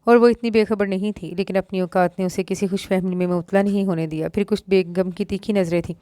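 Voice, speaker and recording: A woman with a Pakistani Urdu accent reading a romance novel aloud, voicing every part in the same even voice. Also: mid-range voice, fairly quick, no room sound. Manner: reads all parts in one even voice, lifting slightly for quoted lines. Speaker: novel narrator.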